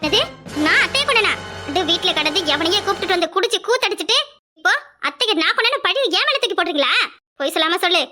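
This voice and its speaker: A woman's voice: very high voice, lively intonation, fast, over music. A woman voicing a frantic young daughter-in-law. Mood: accusing. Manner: panicked, wailing, accusing. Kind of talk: cartoon voice acting.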